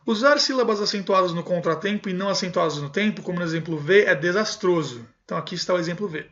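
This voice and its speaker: A man with a fairly high voice teaches a music lesson. He reads textbook passages aloud and then explains each one in a relaxed, conversational way. The recording sounds dull and lo-fi. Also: fast.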